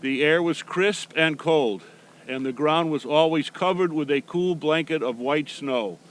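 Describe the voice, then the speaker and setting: A man's voice: a little high, measured pace, natural voice. A man playing Santa Claus as a kindly, agreeable old man reading a storybook to young children. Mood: storytelling. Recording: background noise.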